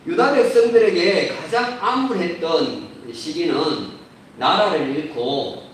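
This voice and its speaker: A man preaching a sermon as a pastor, measured and building to emphatic points, recorded in a church sanctuary. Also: fairly high pitch, slight background noise. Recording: roomy echo, distant mic.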